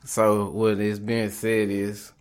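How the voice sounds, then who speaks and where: A man's voice: lowish voice, completely flat delivery, slow pace, clear, resonant tone. A man co-hosting a podcast, tipsy and laid-back, drawing out his hype lines. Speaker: podcast co-host. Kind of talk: casual podcast chat.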